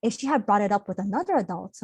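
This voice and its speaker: Animated and talking very fast, this young workshop presenter keeps things earnest and conversational online, dropping in casual fillers. Her mid-pitched voice is slightly rough. It sounds like a video call: close, dry, and free of any room sound.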